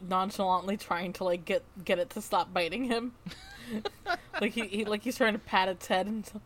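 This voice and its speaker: A woman's voice: mid-range voice, steady tone, normal speed, a little hiss or hum. A woman playing a tabletop game and narrating her character, bubbly and giggly. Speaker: player.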